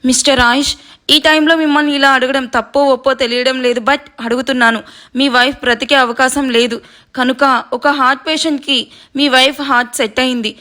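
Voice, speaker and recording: A woman's voice: sits high, steady tone, pushed and bright. A woman reading a hesitant, apologetic doctor. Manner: halting, apologetic.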